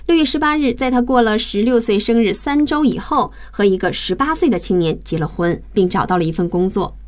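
An English teacher hosting a radio lesson speaks briskly and expressively at medium pitch. She walks through vocabulary step by step, spelling each word out letter by letter.

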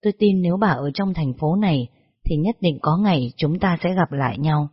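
Shaky old man who plays zither on the street, stammery and halting, kinda husky, dull lo-fi sound , a narrator doing him. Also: medium pitch, expressive. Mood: tremulous. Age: over 60. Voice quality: trembling, halting delivery. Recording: dull lo-fi recording.

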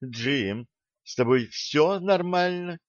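A man reading an audiobook, voicing a curious young woman who pleads and gets excited. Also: on the high side, measured pace, no room sound, highs cut off, voice pushed up, close to an everyday voice. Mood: eager.

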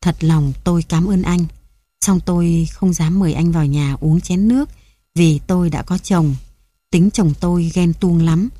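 A woman's voice: on the low side, normal speed, mellow, dry recording, close to an everyday voice. A woman reading the part of a young married woman who speaks politely but guardedly.

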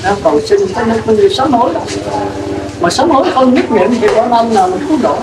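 A Buddhist monk with a very high, fast and lively voice gives a plain-spoken sermon, putting questions to his listeners. The recording is roomy, with a distant mic and clear noise.

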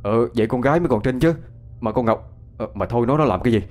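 A man's voice: mid-range voice, quick pace, darkish tone, faint music behind, lightly acted. A man voicing a brash, blunt young man in a told ghost story.

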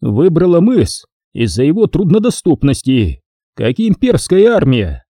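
Narrator voicing a blunt commanding general, dark husky voice, lively delivery, audiobook. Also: male voice, on the high side, a little slow, no room sound, studio quality, pitched above the performer's own voice, full character voice. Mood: stern.

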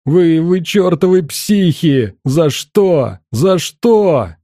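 A man's voice: fairly high pitch, big pitch swings, extremely slow, dark tone, no room sound, clean studio sound, exaggerated voice. A man voicing a terrified young male captive who pleads and stammers in panic, in an audiobook. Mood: panicked pleading.

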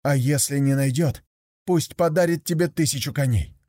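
A man's voice: fairly high pitch, moderate pace, dry recording, clean studio sound, close to an everyday voice. A man voicing a clever young wife with magic. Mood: knowing. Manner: calm, knowing counsel.

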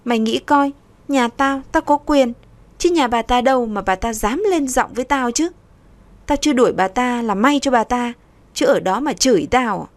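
A woman voicing a brash, sharp-tongued young wife. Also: mid-range voice, lively intonation, unhurried, no room sound, natural voice. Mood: defiant. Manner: brash, scornful retorts.

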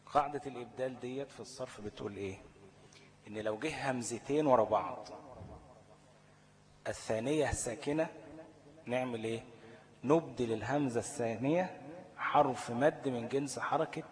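A man with an Egyptian Arabic accent teaching a tajweed lesson. He asks the class questions, answers them himself and repeats each rule step by step. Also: mid-range voice. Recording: long hall reverb.

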